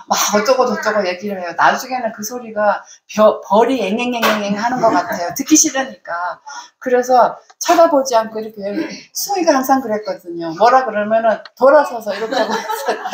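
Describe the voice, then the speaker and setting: A woman in her fifties, a church deaconess, telling a personal faith testimony in an animated way and laughing often. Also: a little high. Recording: roomy echo.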